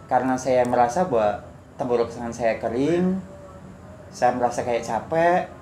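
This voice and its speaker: Guy telling his testimony, earnest, acts out yelling, echoey room, noisy background. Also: mid-range voice, moderate pace. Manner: earnest storytelling, acts out his own shouts. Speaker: guest sharing a testimony. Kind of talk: personal testimony in conversation.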